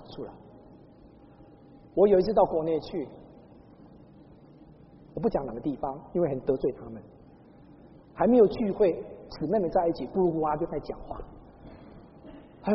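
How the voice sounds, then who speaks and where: Lively woman preaching in an echoing hall. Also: on the low side, fairly quick, long pauses, slight background noise. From Taiwan. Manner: lively storytelling with call-and-response to the congregation. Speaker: pastor. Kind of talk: sermon. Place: church hall. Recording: dull sound in a large echoing hall.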